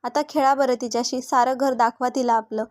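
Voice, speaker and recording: Woman reading gentle, coaxing motherly village woman, high voice. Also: steady tone, brisk, no room sound, natural voice.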